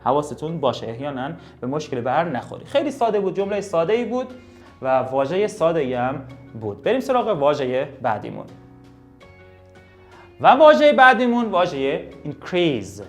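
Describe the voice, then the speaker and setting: A man's voice: fairly high pitch, very animated, faint music behind. A man teaching English vocabulary and grammar, explaining emphatically and talking directly to his students. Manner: drills words, slows down to read sentences.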